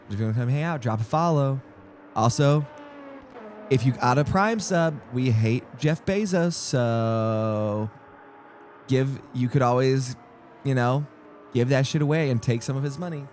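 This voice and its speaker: A man's voice: mid-range voice, darkish tone, a little hiss or hum. A young man rambling through casual live-stream commentary on a sim race, jokey and easily distracted. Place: home streaming setup.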